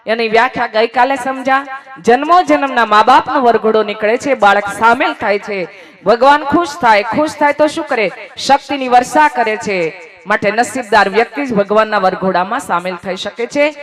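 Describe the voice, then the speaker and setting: A woman from Gujarat giving a devotional sermon to a large audience, lively, teasing the crowd and leading chants. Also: a little high. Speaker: religious storyteller.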